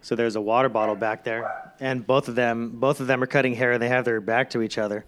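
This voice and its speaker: Smooth-voiced barber man, laid-back. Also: medium pitch, steady tone, fast talker, a bit bright. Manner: laid-back, swears casually, laughs at his own stories. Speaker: podcast guest, barber. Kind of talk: casual chat.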